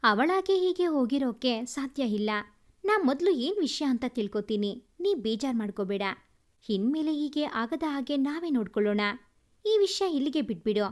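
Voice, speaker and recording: A woman's voice: high voice, animated, moderate pace. A woman voicing a protective, hot-tempered young man who threatens and scolds in a storybook tale. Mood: reassuring.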